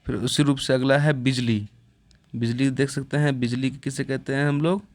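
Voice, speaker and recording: A man teaching a lesson, reading out a list of words with a pause after each one. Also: mid-range voice, dry recording. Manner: steady listing, pausing after each word.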